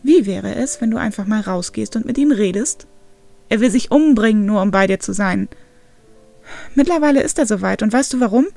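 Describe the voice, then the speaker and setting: A woman's voice: mid-range voice, normal speed, vocal fry, hardly any pauses, mellow, dry recording, soft background music. A woman voicing an angry young man who scolds his friend in an exasperated way. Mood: exasperated scolding.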